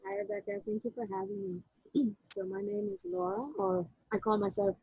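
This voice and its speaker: A woman, telling her personal story as an interview guest in a halting, reflective way, with frequent restarts. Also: on the high side, sing-song, creaky, husky, dry recording, highs cut off. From Netherlands.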